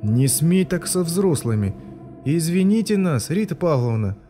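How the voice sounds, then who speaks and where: A man reading an audiobook, voicing a harried young mother who scolds and coaxes her son in quick bursts. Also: medium pitch, animated, dark tone, faint music behind, natural voice. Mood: scolding. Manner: scolding, hurried.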